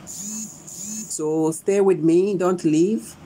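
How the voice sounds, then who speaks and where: A young man with a Ghanaian English accent talks through a live phone tutorial at an unhurried crawl, his voice somewhat high yet soft and mellow. He repeats himself and keeps begging viewers to stay, speaking into his phone's front camera indoors with a faint hum behind him. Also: rough recording. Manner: slow and repetitive, pleading with viewers to stay. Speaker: livestream host.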